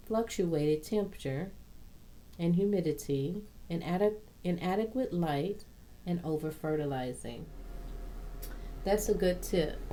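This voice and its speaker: Woman, plant channel host, low-ish voice, very slow halting read-aloud with asides, faint background noise. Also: mellow, low-quality recording. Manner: slow, halting reading with self-corrections.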